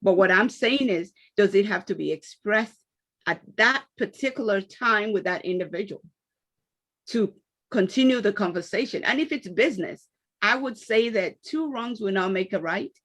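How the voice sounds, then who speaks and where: Woman on a panel call telling a story, acts out what people said, mid pitch. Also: moderate pace. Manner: animated storytelling, acts out quoted exchanges. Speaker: summit speaker answering questions. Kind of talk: conversational panel answer.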